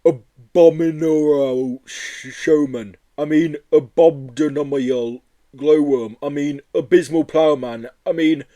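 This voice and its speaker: Brief: man playing a gentle slow-speaking yeti, sad and muddled. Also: a little high, fairly even intonation, voice pushed up. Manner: slow, muddled over long words. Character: huge sad furry yeti, slow with words.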